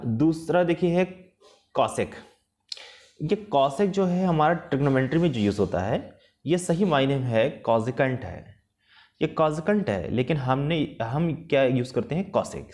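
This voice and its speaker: A man teaching an English lesson with patience, repeating and rephrasing each point, slow and careful in English and quicker in the rest. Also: medium pitch, a little mellow. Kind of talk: explanatory lesson mixing Hindi and English.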